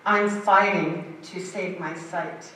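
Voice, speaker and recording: In a church sanctuary, an older woman gives a vivid, emphatic personal testimony. Her lowish, fairly bright voice stays steady and slow, heard from far off in a very echoey hall with a little hiss or hum.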